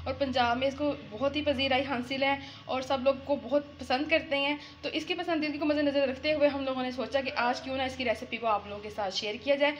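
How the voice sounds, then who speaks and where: A woman's voice: high-pitched, steady tone, fast, hardly any pauses, lo-fi sound, slight background noise. A woman from Punjab, hosting a cooking show and chatting eagerly to viewers while prompting her mother. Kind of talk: casual cooking-show presenting.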